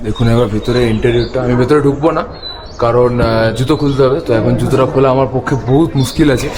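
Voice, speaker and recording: A man's voice: mid-range voice, steady tone, racing, noisy background. A man vlogging his motorbike trip outdoors at a hilltop monastery, talking casually to camera and mixing English words into his speech, a bit out of breath. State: somewhat out of breath. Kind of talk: casual vlog narration to camera.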